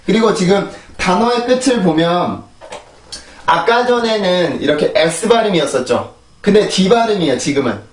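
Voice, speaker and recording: A man's voice: sits high, expressive, normal speed, reverberant, far from the mic. A man teaching English pronunciation in Korean, explaining sounds and repeating drill words three times, checking in with his students. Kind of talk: pronunciation lesson. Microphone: desk microphone.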